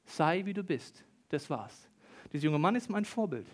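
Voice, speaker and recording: A male preacher with a notably high voice, talking to his congregation in a loose, animated, conversational way. He speaks into a handheld microphone during a church service, often turning to the listener with a direct "you". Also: moderate pace. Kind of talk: sermon.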